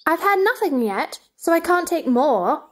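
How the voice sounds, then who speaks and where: A woman's voice: very high voice, sing-song, unhurried, full character voice. A woman playing a curious, polite but argumentative young girl in a stage play reading, prim and questioning. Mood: curious, doubting.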